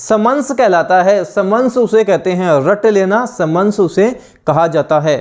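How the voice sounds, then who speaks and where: A man's voice: high voice, darkish tone. A young Indian man teaching an online exam-prep lesson, repeating each answer and asking rhetorical questions. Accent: Indian English. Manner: drilling repetition, rhetorical questions, slow deliberate reading of definitions.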